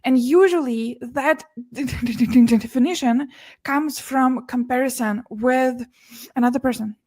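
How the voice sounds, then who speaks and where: A young woman raised in Russia, speaking English as a second language, has a slightly high voice and talks slowly. As a podcast guest and business and mindset mentor, she speaks earnestly in a relaxed interview, often restarting words and laughing softly between them. The sound is close and dry, with no room around it.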